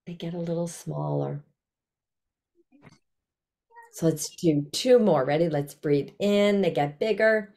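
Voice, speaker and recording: Low-pitched older woman teaching children. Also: dark tone. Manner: simple, encouraging step-by-step instruction. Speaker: children's author teaching about emotions. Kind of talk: gentle lesson for children over video call. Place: small indoor room at home. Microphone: video call, computer mic at desk distance.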